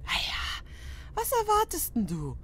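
A woman's voice: extremely high pitch, wildly swooping pitch, a little slow, heavily acted. A woman voicing a brash, tipsy pony princess in a fan audio drama, slurring, drawling and argumentative. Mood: tipsy, defiant.

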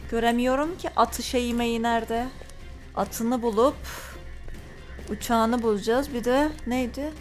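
Bright-voiced woman playing a horror game. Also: on the high side. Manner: jumpy, talks to viewers, reads in-game notes aloud. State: frightened. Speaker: gaming channel host. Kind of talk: horror game let's-play commentary.

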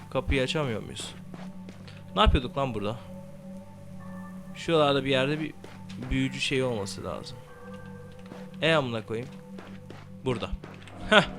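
A young man commentating a game he plays, swearing freely and shouting spell words into his mic. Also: mid-range voice. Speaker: gameplay commentator. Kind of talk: let's play commentary.

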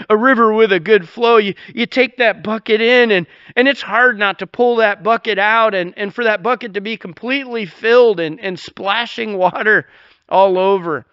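A man's voice: sits high, smooth, no echo, muffled recording. A man preaching a sermon as pastor, earnest and folksy, with many fillers and repeated starts, and he rises sharply when he quotes scripture.

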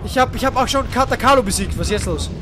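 A man's voice: very high-pitched, quick pace, over music, a crowd in the background. A man with an Austrian accent giving joking, swearing gameplay commentary, yelping in fright at the action. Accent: Austrian German. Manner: excitable, joking, swearing, yelping when scared. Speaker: let's play host.

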